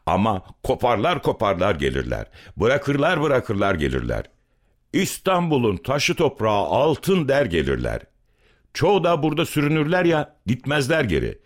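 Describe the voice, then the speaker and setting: A man reading a literary story aloud in an expressive, dramatic narrating style. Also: medium pitch, moderate pace.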